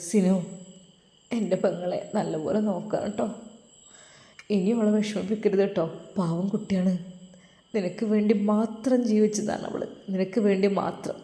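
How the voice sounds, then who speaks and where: A woman voicing a grieving, kind older brother who speaks softly and tearfully. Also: medium pitch, steady tone, moderate pace, long pauses, natural voice. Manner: soft, tearful, pleading. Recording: echoey room with long reverb.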